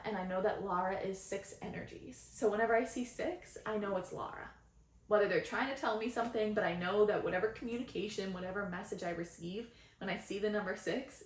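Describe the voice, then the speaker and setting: A woman's voice: mid-range voice, echoey room. A young adult woman hosting a spiritual podcast, talking earnestly and meanderingly, often tagging lines with "right?", recorded on a phone. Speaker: podcast host and channeler.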